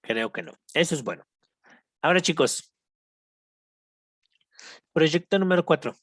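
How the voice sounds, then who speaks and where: A teacher with a Mexican accent, patiently explaining English grammar in a recorded lesson, slowing down for each English example and checking in with the students. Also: medium pitch, lively intonation, no echo, studio quality. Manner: switches between Spanish and slow English examples.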